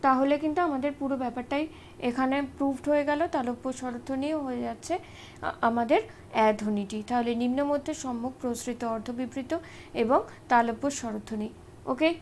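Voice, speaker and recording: A woman's voice: sits high, steady tone, fairly quick, a little mellow, a little hiss or hum. A woman teaching an exam-prep grammar lesson, explaining step by step and often checking in with short tag questions.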